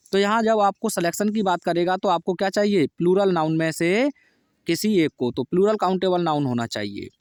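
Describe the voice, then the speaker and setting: A man's voice: high-pitched, darkish tone, no room sound, studio quality. A man teaching an English grammar lesson for exam prep, explaining step by step and asking and answering his own questions.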